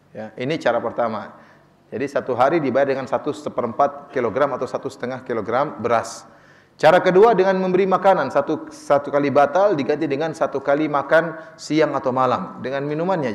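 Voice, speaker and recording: A man preaching in a conversational, playful way, answering listeners' questions and acting out short dialogues. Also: medium pitch. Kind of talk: Islamic study sermon with Q&A. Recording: long hall reverb.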